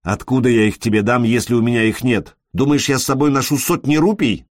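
A man's voice: mid-range voice, fairly quick, no room sound, studio quality, lightly acted. Man doing a snappish, weary man. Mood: irritated. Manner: irritable, snapping.

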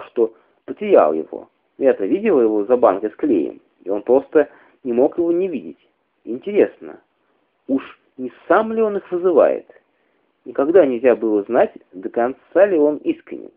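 A man reading a literary story aloud in a measured, expressive way. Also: mid-range voice. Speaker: reader. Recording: tinny phone-like radio recording.

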